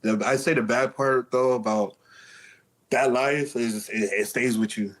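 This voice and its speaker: A man's voice: mid-range voice, fairly even intonation, measured pace, a bit bright. A man speaking candidly as an interview guest, telling stories casually in streetwise slang with some swearing.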